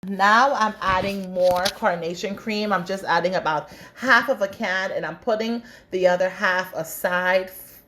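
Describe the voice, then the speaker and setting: A woman from the Bahamas hosts a home cooking tutorial. She talks her viewers through each step in a chatty, friendly way and keeps calling them "guys." Her voice sits at an ordinary middle pitch. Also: a bit bright. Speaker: cooking show host.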